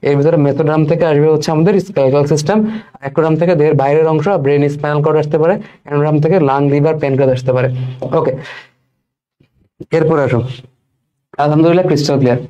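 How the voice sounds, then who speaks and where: A man's voice: on the high side, fairly even intonation, racing, warm tone, clear, resonant tone, muffled recording. A male biology teacher, giving an exam-prep lesson. He repeats key terms and keeps checking that students follow.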